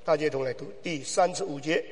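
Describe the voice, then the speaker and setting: A man preaching a sermon as pastor, swinging from low, quiet asides to loud, shouted exhortation with rhetorical questions. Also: fast talker. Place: church hall. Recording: long hall reverb.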